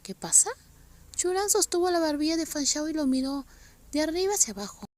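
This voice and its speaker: A woman narrates a romance novel aloud in a high, light voice. She reads softly, often dropping to a half-whisper. The delivery is steady and story-focused. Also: quick pace, dry recording.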